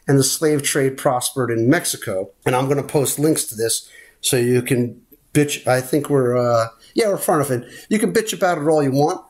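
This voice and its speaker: A man co-hosting a podcast in casual chat, rambling and opinionated, often cutting in. His voice sits at an ordinary middle pitch. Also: darkish tone. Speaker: podcast co-host.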